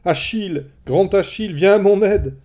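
A man's voice: normal speed, a little mellow, close to an everyday voice. A man narrating a storybook, voicing a young captive woman who cries out in anguish. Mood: desperate. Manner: shrill, crying out in anguish. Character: young female captive, desperate and pleading.

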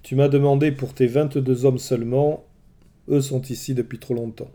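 A cunning sorceress speaks in a coaxing, slightly raised voice, put on by a male storyteller. The timbre stays very dark and mellow, as in a read-aloud storybook. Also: mid-range voice, fairly even intonation, normal speed, natural voice. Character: seductive, cunning sorceress woman, pleading.

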